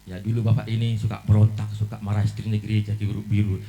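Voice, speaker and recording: A pastor preaching a sermon, telling a story, acting out its scenes and calling out to the congregation again and again. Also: male voice, lowish voice, monotone, fast, vocal fry, mellow.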